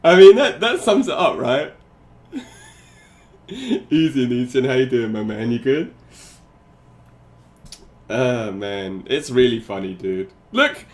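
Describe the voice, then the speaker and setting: A man's voice: medium pitch, sing-song, slow, pauses often. Laughing, sarcastic male streamer. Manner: sarcastic, laughs often, talks to chat. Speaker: streamer reacting to a video. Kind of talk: casual live-stream commentary.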